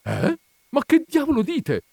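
Guy doing a high-pitched indignant widow, lively, close dry sound. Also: takes it slowly, no echo. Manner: indignant, exasperated. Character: indignant grieving woman, a widow.

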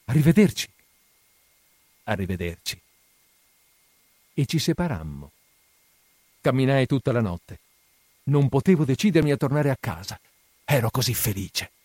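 A man reads a classic novel aloud in an impassioned first-person voice, his pitch swinging widely. His tone is warm and mellow, and the recording is close and dry. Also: very animated, moderate pace, pauses often, breathy edge, dry recording. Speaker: narrator. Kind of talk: audiobook reading of a classic novel.

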